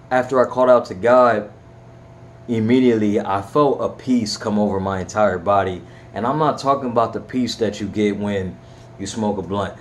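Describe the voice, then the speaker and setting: A man's voice: fairly low pitch, a little hiss or hum. A young man earnestly telling his personal faith story in a heartfelt, rambling way, his voice cracking at times. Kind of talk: personal testimony vlog.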